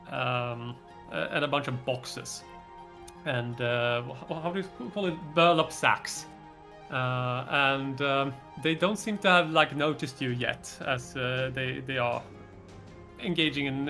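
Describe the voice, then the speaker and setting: Halting, higher-voiced man running a tabletop game. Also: sharp tone. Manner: halting, hesitant delivery with searching for words. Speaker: game master. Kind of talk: improvised tabletop game narration.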